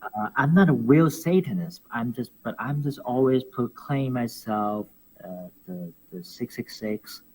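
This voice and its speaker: A man from Hong Kong, appearing as a pro wrestler guest, speaks at medium pitch and a measured pace in a casual interview. Animated and often laughing, he repeats words while finding his phrasing. The audio is poor.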